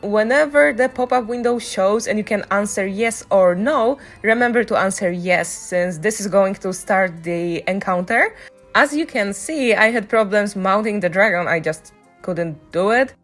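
A woman with a medium-pitched voice gives casual walkthrough commentary as a gaming guide, speaking at a moderate pace. It's a voice-over on a microphone, with faint game music behind her.

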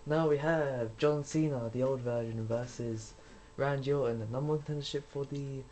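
A man's voice: medium pitch, fairly even intonation, moderate pace, dark tone, a little hiss or hum. A young man giving rambling, casual commentary while playing a video game, swearing when things go wrong. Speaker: gaming YouTuber.

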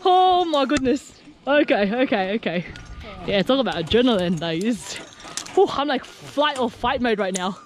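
A woman's voice: mid-range voice, expressive, moderate pace. A woman vlogging at an outdoor jungle adventure park, gasping, laughing and exclaiming nervously as she goes. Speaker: travel vlogger. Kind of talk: excited on-the-go vlog chat. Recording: noisy outdoor camera audio.

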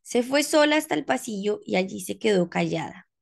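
A woman reading a rhyming picture book aloud for children in an expressive, sing-song way. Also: medium pitch, a little fast, gravelly. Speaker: storybook reader.

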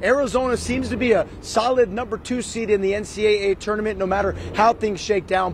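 Brisk male field reporter in his fifties, high bright voice, live outdoor stand-up, faint city hum behind. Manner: brisk, upbeat broadcast delivery. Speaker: sports reporter. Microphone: handheld mic.

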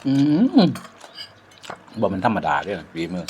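A man's voice: sits low, unhurried, a little hiss or hum. A man with an Isan accent chatting reflectively over a meal, using many polite particles. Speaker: vlogger. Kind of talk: casual chat over a meal.

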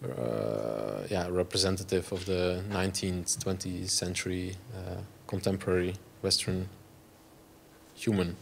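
This Belgian man in his forties, a native Dutch speaker with a Flemish accent, gives an artist talk in a gallery room on a lapel mic. His speech halts, full of fillers and restarts. The voice is deep with vocal fry, and there's slight background noise.

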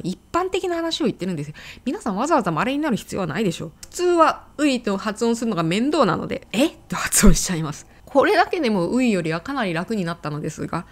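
Brisk, animated woman teaching a lesson. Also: medium pitch. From Korea. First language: Korean. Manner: animated, playful, talks straight to the viewers with rhetorical questions. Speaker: language teacher and video host. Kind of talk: lively explanatory lesson to camera.

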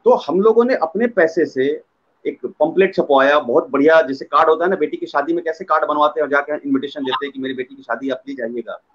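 A man, an actor, telling animated stories in a casual interview and slipping into imitations of others. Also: a little high, fast talker, muffled recording. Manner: lively, slips into imitating others.

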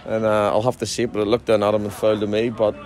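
Male football manager, 40s, low voice; loose post-match chat outdoors, lots of restarts. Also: flat delivery, racing, a little mellow. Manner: chatty, frequent restarts and fillers. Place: outdoors at a football ground at night.

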